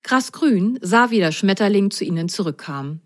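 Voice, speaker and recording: A woman reading a children's story aloud as narrator, in a gentle way. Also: mid-range voice, animated, moderate pace.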